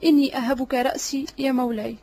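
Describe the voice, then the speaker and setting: A woman voicing a cunning, flattering male servant in an audiobook drama reading, obsequious and sly. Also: high voice, fast talker, lightly acted.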